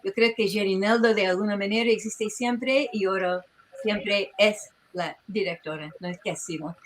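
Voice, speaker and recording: A woman presenting as a researcher at an online tribute, talking in a lively, digressive way that often breaks off mid-phrase, heard through a video-call microphone. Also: mid-range voice, moderate pace, slight background noise, rough recording. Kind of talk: informal presentation to an online audience.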